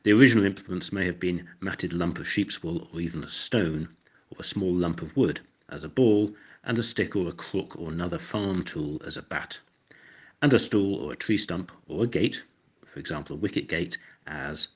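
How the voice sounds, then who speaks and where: Older man, English accent, very deep voice, wry explainer narrator, slightly muffled lo-fi recording. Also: normal speed, breathy edge. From England. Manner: wry, dry-humored asides. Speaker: narrator of an educational video.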